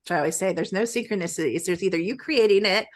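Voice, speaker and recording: Middle-aged woman, podcast guest; effusive, rambling storyteller, mid-pitched. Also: quick pace. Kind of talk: casual conversation.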